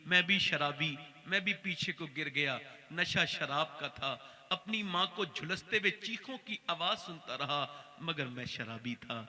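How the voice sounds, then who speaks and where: A man's voice: on the high side, animated, unhurried, bright, forceful tone, in a large hall. A male preacher giving a sermon, telling stories with feeling and acting out the voices of the people in them. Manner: emotional storytelling, acting out quoted voices.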